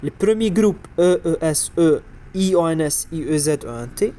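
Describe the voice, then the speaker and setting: A man's voice: fairly high pitch, expressive, fast, dark tone. A man with an Algerian Arabic accent explaining French grammar as an exam revision lesson, spelling out verb endings letter by letter. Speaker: French teacher.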